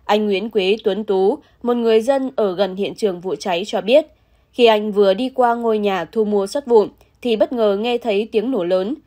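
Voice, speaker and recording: A woman reads a scripted news report in an even, measured voice. Her pitch stays mid-range and her delivery is plain and steady. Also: slight background noise. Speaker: news narrator.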